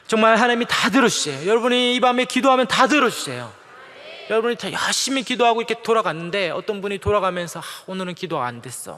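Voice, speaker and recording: A man's voice: sits high, sharp tone. A middle-aged male pastor preaching a sermon in a conversational, playful way, acting out little quotes. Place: large church sanctuary. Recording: long hall reverb in a church.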